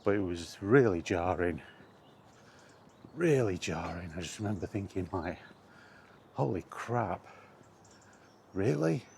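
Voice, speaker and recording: A middle-aged man with a low, darkish voice speaks slowly, with long pauses and lively intonation. In his casual gaming vlog he rambles reflectively about video games, often repeating phrases for emphasis. Clear ambient noise sits in the background.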